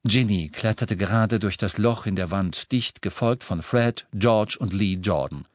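A man narrating a story in an expressive, storytelling manner. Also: on the low side, measured pace, no room sound. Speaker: audiobook narrator. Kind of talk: scripted narration.

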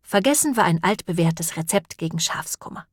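A woman narrating an audiobook in a calm, measured storytelling manner. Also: on the low side, no room sound, clean studio sound. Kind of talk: scripted narration.

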